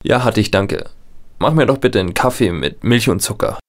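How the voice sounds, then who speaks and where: A man's voice: fairly low pitch, normal speed, slight background noise, close to an everyday voice. An actor playing a nostalgic male tenant who narrates his own story in a reflective way and distrusts new technology. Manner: reflective when narrating, panicked when shouting. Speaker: narrator and lead character. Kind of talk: radio play narration.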